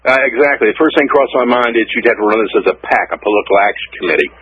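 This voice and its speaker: A man's voice: mid-range voice, very fast, slightly rough, dry recording. A male caller on a phone line who speaks earnestly and hesitantly, with many fillers. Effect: calling in over a phone line. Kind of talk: radio call-in.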